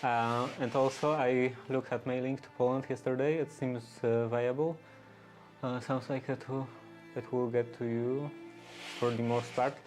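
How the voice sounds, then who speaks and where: A man chatting casually and unscripted, halting and often searching for his words. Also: medium pitch, flat delivery, a little mellow, faint music behind. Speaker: streamer doing workshop restoration.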